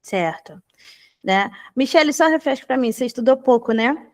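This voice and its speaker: A woman's voice: high voice, lively intonation. A young adult woman from Brazil teaching an online English class over a video call, explaining patiently and checking in often with the students. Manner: explanatory, frequent "tá?" checks, repeats phrases slowly.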